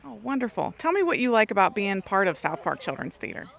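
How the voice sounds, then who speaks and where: Bright, quick-talking woman host. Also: mid-range voice, big pitch swings, gravelly. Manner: upbeat, quick prompting questions. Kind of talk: community TV interview. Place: outdoor theatre stage.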